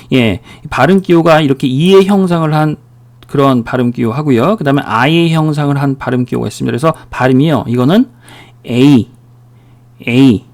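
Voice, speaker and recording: A man's voice: fairly high pitch, a little mellow. Man teaching English phonics. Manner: repeats and drills words, asks the listener questions. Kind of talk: recorded English phonics lecture.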